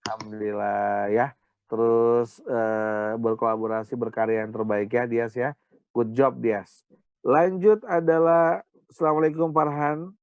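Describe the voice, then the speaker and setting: A man's voice: medium pitch, flat delivery, measured pace, smooth, no echo, lo-fi sound. Joking male teacher on a video call. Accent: Indonesian. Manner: joking, teasing banter with students. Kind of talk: online class roll call.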